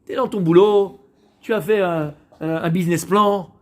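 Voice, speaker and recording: Man, high voice, rabbi giving a class, asks questions and answers them himself. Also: fairly even intonation, normal speed. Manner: repeats words while searching for them. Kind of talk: Torah lesson to women.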